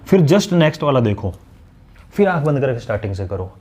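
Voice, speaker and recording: Talking straight to camera, this maths teacher has a medium pitch with big swings, a darkish tone, and a slightly rough edge. He coaches and scolds his students in a direct way, mimicking how they answer and reciting tables fast.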